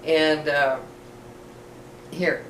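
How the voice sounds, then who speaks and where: A middle-aged woman chats casually to her viewers in a rambling, self-deprecating way. Missing teeth make her speech slightly slurred, with soft F sounds. She sounds set back from the mic in an echoey room, with faint noise behind her. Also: sits low, steady tone, extremely slow, far from the mic. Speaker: vlogger. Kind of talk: casual rambling personal storytelling to camera.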